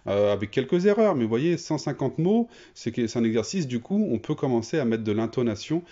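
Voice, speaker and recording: A man teaching a reading lesson to children, explaining step by step with many pauses and fillers. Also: mid-range voice, very animated, warm tone, highs cut off.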